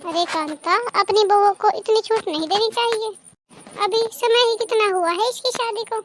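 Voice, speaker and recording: Woman doing a nosy cartoon auntie, preachy, very high voice. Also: moderate pace, slight background noise, rough recording. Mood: disapproving. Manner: preachy, disapproving. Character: meddling older aunt, nosy and critical.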